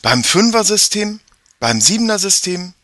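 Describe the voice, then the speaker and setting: A man putting on a clever, excitable little girl. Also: sits high, dry recording, clean studio sound, voice pushed up. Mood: eager. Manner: eager, quick to point things out.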